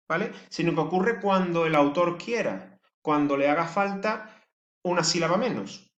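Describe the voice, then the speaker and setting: A man teaching a lesson in a fairly high voice, walking through each point step by step and counting syllables out slowly. He keeps checking that his listeners follow along. The room around him is echoey. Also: fairly bright tone. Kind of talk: classroom lesson.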